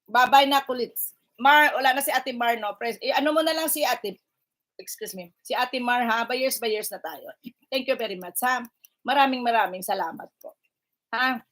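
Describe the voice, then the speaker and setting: A woman's voice: on the high side, normal speed, fairly bright tone. A woman hosting a casual livestream, teasing and bantering with her viewers and mixing in English phrases. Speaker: livestream vlogger greeting viewers. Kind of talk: casual live-stream chat.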